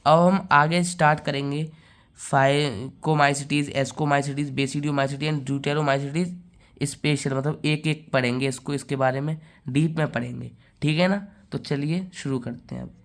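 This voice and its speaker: Man teaching biology, fairly high voice. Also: steady tone. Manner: checks in with rhetorical questions, repeats terms slowly. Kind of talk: classroom lecture.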